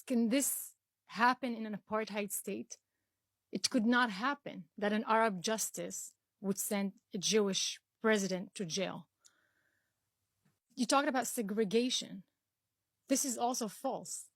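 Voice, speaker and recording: On the high side, her voice carries no room sound. The guest, a young woman from Israel with Arabic as her first language, earnestly works through the interview questions with many fillers and restarts.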